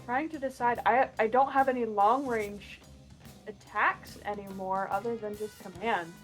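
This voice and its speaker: A slightly high-voiced woman takes part in an online tabletop game, working out her moves aloud. She often hesitates and stops to restart. Soft music sits behind her. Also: steady tone, measured pace, poor audio. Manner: hesitant, thinks aloud with fillers. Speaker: player. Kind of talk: casual tabletop play.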